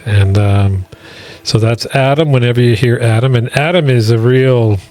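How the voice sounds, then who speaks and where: A man's voice: mid-range voice, moderate pace, a little mellow. A middle-aged father hosting a podcast, chatting casually and rambling with restarts and asides.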